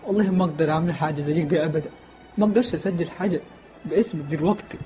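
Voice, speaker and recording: A man's voice: a little high, very fast, muffled recording, noisy background, natural voice. A man playing a hurt young man thrown out by his family. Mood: refusing. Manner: hurt, pleading. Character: grown son hurt after being cast out by family.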